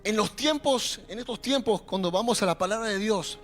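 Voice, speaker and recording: A young adult man preaching a sermon in a Rioplatense accent, animated and calling out to the congregation. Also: sits high, moderate pace. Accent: Rioplatense Spanish. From Argentina. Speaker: pastor. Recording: faint music behind.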